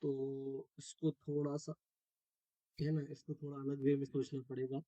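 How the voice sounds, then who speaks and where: A man's voice: medium pitch, flat delivery, measured pace, warm tone, no echo. A man teaching a math class step by step, often checking that students follow and mixing English terms into his Hindi. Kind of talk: classroom lecture.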